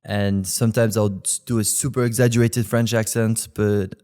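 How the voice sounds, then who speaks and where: A man's voice: fairly low pitch, flat delivery, normal speed, mellow. A man in his twenties from Belgium, chatting casually as an interview guest and leaning on "like" as a filler. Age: 20s. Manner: rambling, heavy use of "like" fillers. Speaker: guest, content creator.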